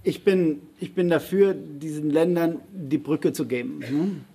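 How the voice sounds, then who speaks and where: A man with a husky, slightly high voice argues his point in a public debate. He speaks with force but keeps stalling on fillers, restarting his sentences mid-thought before pressing on. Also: measured pace, mellow. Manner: emphatic, hesitant with many fillers and restarts. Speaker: panel speaker answering audience questions.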